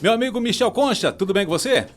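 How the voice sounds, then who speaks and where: A male radio host speaks quickly and expressively, his pitch jumping around as he poses questions through an interpreter. His voice sits a bit high for a man, over a soft music bed. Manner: lively, effusive, stretches words with "é" and "né".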